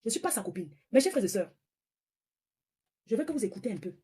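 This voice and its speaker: A woman in her forties from northern France rants on a social media live stream, scolding, confrontational and repeating her points. Her medium-pitched voice is dark and husky, moving quickly with big swings in pitch.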